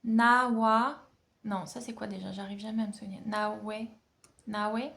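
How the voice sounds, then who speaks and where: A woman vlogging casually from home about learning songs, chatty and self-mocking, sounding out syllables slowly. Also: medium pitch, little pitch movement, gravelly. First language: French. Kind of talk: casual vlog.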